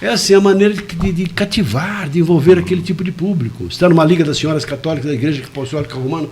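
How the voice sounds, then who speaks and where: A man's voice: darkish tone, a little hiss or hum. Man demonstrating vocal variety while explaining. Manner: demonstrative, shifting volume and pitch to illustrate points; deliberate, careful enunciation. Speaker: communication expert guest. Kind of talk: web radio interview, explaining.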